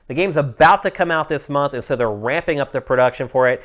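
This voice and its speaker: A man with a medium-pitched voice hosts a gaming show. He talks casually and conversationally, presenting as the host. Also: quick pace, a bit bright.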